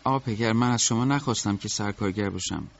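A man playing a calm, self-assured teenage foreman in an audiobook radio drama, speaking politely but firmly. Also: lowish voice, vocal fry. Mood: composed. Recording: dull lo-fi recording.

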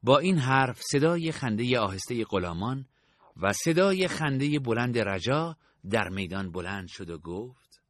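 A man reads a story aloud with a steady, even storytelling delivery. His voice sits at a middle pitch, and the recording sounds dry and close, with no room around it. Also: no room sound. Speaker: narrator. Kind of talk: audiobook narration.

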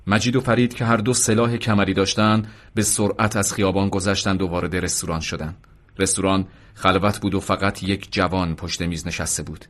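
A man's voice: sits low, steady tone, fairly bright tone. A man narrating a story steadily.

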